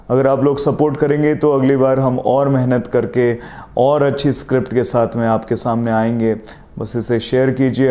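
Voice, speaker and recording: A man's voice: mid-range voice, dark tone. Guy wrapping up his video, average voice, earnest, asks for support. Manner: earnest, appealing. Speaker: channel host and filmmaker. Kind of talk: casual outro address to viewers.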